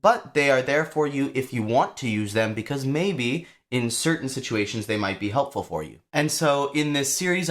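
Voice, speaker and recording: A young adult man explaining songwriting to viewers in a chatty, lively way, with casual asides. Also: mid-range voice. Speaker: songwriting teacher.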